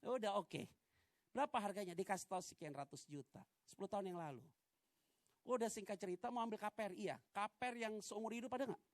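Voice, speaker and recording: A male pastor giving a colloquial, joking sermon. He swings between loud preaching and quiet asides and calls for amens from the congregation. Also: high voice, fast talker, no room sound.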